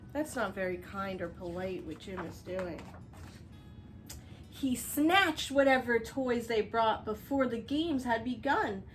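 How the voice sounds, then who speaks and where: Over background music, a high-voiced children's teacher reads from a picture book, lively and instructive as she speaks straight to the young viewers and explains things to them.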